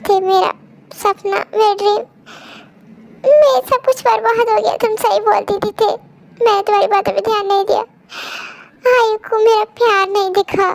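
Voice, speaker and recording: A distraught young husband in a fan-dubbed drama, voiced by a young woman. He sounds high and light for a man, and his lines come out pleading and halting with emotion. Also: flat delivery, noisy background, natural voice. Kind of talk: amateur fan dub drama.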